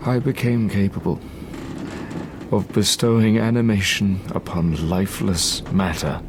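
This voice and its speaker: An actor playing Victor Frankenstein, an obsessed, haunted young scientist, speaking with formal, literary intensity in an audio drama. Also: male voice, on the low side, measured pace, background noise. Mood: grave, intense. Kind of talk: audio drama acting, first-person narration and dialogue.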